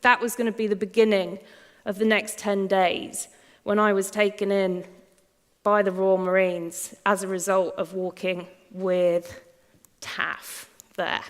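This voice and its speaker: A woman's voice: mid-range voice, level tone, unhurried. Woman speaker telling her own story to an audience, casual and candid, in a reverberant hall. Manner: chatty, candid, laughs often, many fillers and restarts. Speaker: speaker giving a talk. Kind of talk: personal story talk to an audience. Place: large lecture hall.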